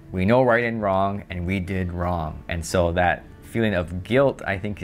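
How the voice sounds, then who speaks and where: A man talks to viewers in a very low, steady voice, friendly and reflective as if talking to a friend. Faint music plays softly underneath. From Hawaii. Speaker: YouTube host. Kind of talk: casual talk to camera.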